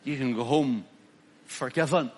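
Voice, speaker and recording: A male preacher, delivering a sermon, swinging from loud emphatic declaiming to quiet pleading. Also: medium pitch, measured pace.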